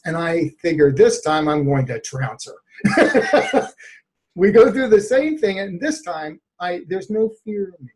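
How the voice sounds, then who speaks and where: A male therapist, a guest on an interview show, telling a personal story in an animated way and laughing often. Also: on the high side, vocal fry.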